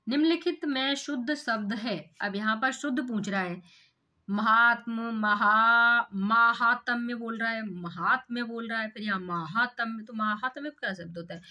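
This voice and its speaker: Woman teacher, exam paper walkthrough, step-by-step explanations, rhetorical questions, fairly high, crisp bright tone.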